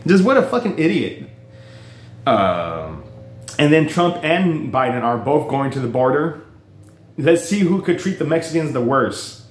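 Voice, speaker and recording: A man's voice: on the high side, very animated, a little slow, echoey room. A man vlogging casual, rambling commentary on books and the news, full of fillers, restarts and swearing. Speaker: book reviewer vlogger.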